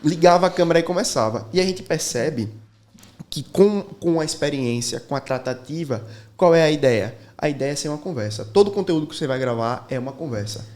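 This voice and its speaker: A man hosts a relaxed conversation, talking fast and telling stories with lively impressions. His voice sits a little high for a man. He rattles through anecdotes at a quick clip. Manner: animated storyteller, mimics people mid-story. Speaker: videocast host. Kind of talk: casual chat.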